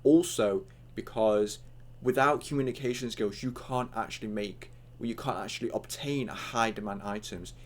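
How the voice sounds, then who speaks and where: A man's voice: on the low side, normal speed. Rambling young man teaching with hiccups. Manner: rambling, filler-heavy, acts out chat lines. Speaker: online trading tutor. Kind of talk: casual tutorial talk.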